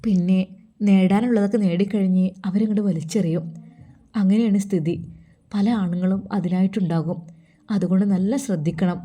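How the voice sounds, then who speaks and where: A woman's voice: mid-range voice, fairly even intonation, normal speed, pauses often, mellow, close to an everyday voice. A woman voicing an earnest, protective middle-aged mother, pleading and warning in a storybook. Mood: anxious pleading.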